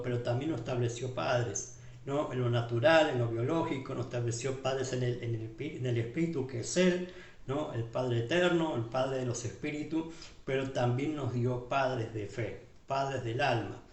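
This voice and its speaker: In an echoey church hall, captured from a distance, an Argentine pastor with a medium-pitched, darkish voice delivers a sermon. He keeps addressing the congregation as beloved, lists his points one after another, and often checks in with repeated tag questions, all in Argentine Spanish.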